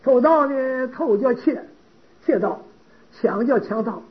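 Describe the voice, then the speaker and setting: A man, a Buddhist monk, giving a dharma talk and telling a lively story. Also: very high-pitched, slow pace, highs cut off. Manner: lively storytelling, acts out characters.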